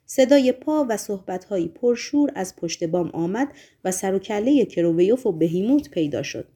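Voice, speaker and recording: A woman narrating an audiobook in a steady, measured way. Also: medium pitch, husky.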